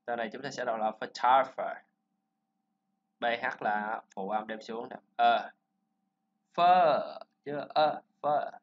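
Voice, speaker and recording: A man teaching a pronunciation lesson, explaining sounds and repeating words slowly for learners to copy. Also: medium pitch, fairly even intonation. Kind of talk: classroom-style pronunciation lesson. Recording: slightly dull lo-fi recording.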